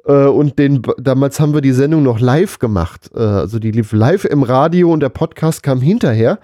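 A podcast co-host chats casually and conversationally in a medium-pitched, mellow voice, animated and at a normal speed. The audio is dry and clean, like a studio.

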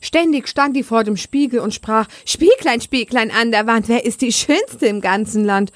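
A woman's voice: a little high, moderate pace, dry recording, clean studio sound, lightly acted. A woman voicing an ancient fairy-tale old woman who gossips and chatters. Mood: gossipy.

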